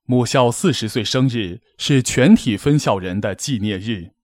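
A man's voice: medium pitch, animated, darkish tone, no echo, clean studio sound. A man hosting a formal gala, delivering a scripted, poetic address in a solemn, declamatory manner. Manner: declamatory, solemn, measured phrasing. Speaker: gala host, master of ceremonies.

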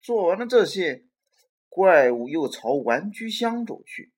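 A storyteller reading a children's picture book aloud, animated and acting out the characters. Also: medium pitch, measured pace, husky.

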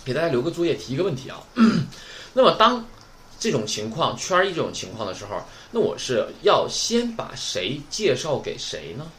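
A man's voice: fairly high pitch, very animated, moderate pace, a bit bright, slight background noise. A man, teaching an online class. He is chatty and keeps asking the class "right?". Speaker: Japanese teacher.

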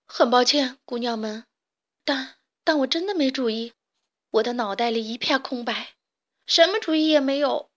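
An excitable, clever little hen, as a woman voices her, eager and loud with ideas tumbling out. Her voice sits high and bright for a storybook heroine. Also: lightly acted. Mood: flustered. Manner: eager, loud and quick-fire. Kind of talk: children's audiobook character voice.

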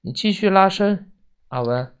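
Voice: medium pitch, animated, smooth, pitched above the performer's own voice, lightly acted. A storyteller voicing a bossy preschool girl who hands out orders to her brother while reading a children's book aloud. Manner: brisk, giving orders. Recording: dull lo-fi recording.

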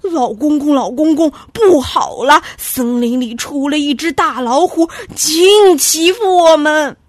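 A woman voicing a group of small forest animals who cry out excitedly and loudly. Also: measured pace, no room sound. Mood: alarmed. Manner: shrill, excited, loud. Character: panicky, cheeky little forest animals.

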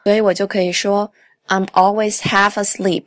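A young woman hosting a podcast English lesson in a chatty way, repeating English phrases slowly and clearly. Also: mid-range voice, level tone, no room sound, clean studio sound. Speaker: English teacher and podcast host.

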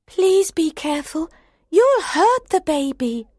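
A polite, curious young girl from a storybook who speaks in a gentle, wondering way, as a man puts her on. The voice sits far above the reader's own and moves at an unhurried pace. The sound is dry and close. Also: very high-pitched, very animated, dry recording, pitched above the performer's own voice, full character voice.

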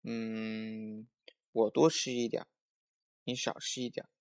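A man voicing an eager, stubborn little boy who brags in a childish, excited voice. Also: fairly low pitch, unhurried, creaky. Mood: boastful.

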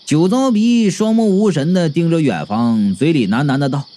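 A man's voice: on the high side, moderate pace. A man narrating a comic first-person audiobook in a chatty, playful way. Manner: chatty, playful, with sudden lively swoops.

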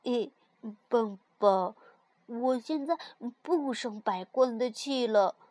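A woman voicing an impulsive, emotional young male frog in a storybook reading, with loud, excitable outbursts. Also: fairly high pitch, takes it slowly, no room sound. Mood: sheepish. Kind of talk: storybook character voice.

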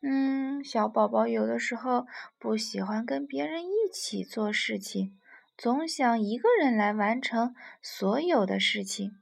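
A young woman reads a children's story aloud in a gentle, soothing way. Her voice is high and a little gravelly. She speaks slowly and calmly. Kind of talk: bedtime story narration.

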